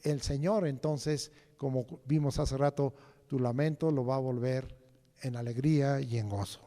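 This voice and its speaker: A lay preacher with a medium-pitched, dark voice delivers a Sunday sermon in church at a normal speed, his words trailing into a long reverb. He's rhetorical and repetitive, repeating phrases and often asking the congregation "right?"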